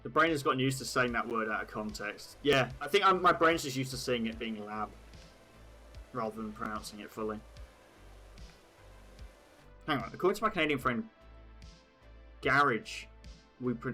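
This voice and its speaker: An English man talks loosely on a live stream, rambling from point to point with plenty of swearing and chuckles at his own jokes. His voice is bright and forward, at a middle pitch for a man. Faint music sits behind him. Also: rough recording. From England. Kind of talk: casual live-stream chat.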